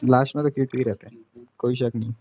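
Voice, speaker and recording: A man's voice: medium pitch, steady tone, fast, a little mellow, a little hiss or hum. A young man in a game lobby with friends, bossy and teasing, ordering map changes. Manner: bossy, teasing, calls others noob. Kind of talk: casual gaming banter. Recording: muffled voice-chat audio.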